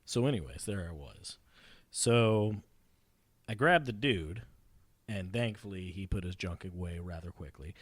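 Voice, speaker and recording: A man playing a sweaty, excitable young sailor who rambles breathlessly through a story in an improvised comedy audio drama. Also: low voice, a little slow, husky, no echo, heavily acted.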